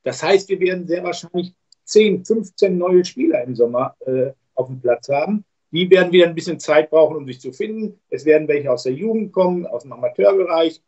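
A man's voice: on the high side, expressive, a little fast, mellow. A man talking as a guest pundit over a poor internet stream, explaining earnestly with many hesitations. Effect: poor internet stream audio. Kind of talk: remote talk show discussion. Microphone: remote call mic. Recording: lo-fi muffled online call.

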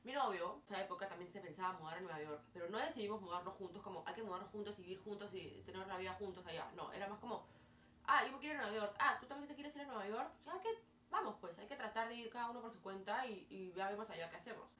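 A Peruvian woman in her twenties with a Peruvian Spanish accent tells her story casually to camera as a vlogger, talking fast at medium pitch, gesturing animatedly and using many fillers. She's indoors in a small bedroom, recorded on a distant camera mic that sounds roomy with faint hiss.

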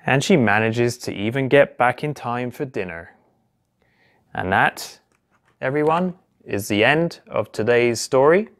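A man in his thirties who is a police constable reads a children's picture book aloud in an unhurried way. He uses simple phrases, lively exclamations and questions aimed at the little ones, his voice at a medium pitch, in a small office or home room.

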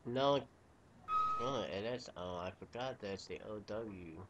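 A man's voice: on the low side, unhurried, very noisy. A man hosting a casual game night over a voice call, muttering wry play-by-play. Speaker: host. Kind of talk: casual game-playing chat.

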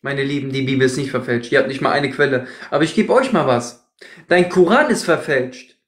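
A man's voice: mid-range voice, a little fast, a bit bright, roomy sound. A man hosting a heated debate livestream, scolding and repeating his accusations in a combative way. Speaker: livestream host.

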